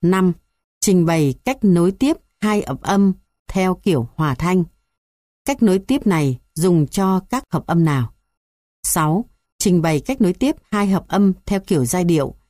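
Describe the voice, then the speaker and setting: A woman reading a music theory textbook aloud in an even, measured way, going through numbered points. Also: on the low side, dry recording, studio quality. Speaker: textbook reader.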